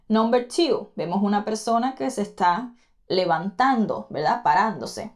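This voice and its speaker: A woman's voice: medium pitch, expressive. A woman teaching English pronunciation in an online lesson, patiently repeating each word and speaking directly to the student. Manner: patient, repeats words slowly to model pronunciation; addresses the student directly, encouraging repetition.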